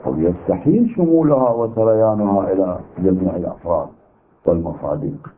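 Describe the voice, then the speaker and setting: A man's voice: low voice, expressive, brisk, slight background noise. A man with an Iraqi Arabic accent teaching a seminary lecture on legal theory, arguing his point through rhetorical questions. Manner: argumentative, poses rhetorical questions. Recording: tinny narrow-band recording.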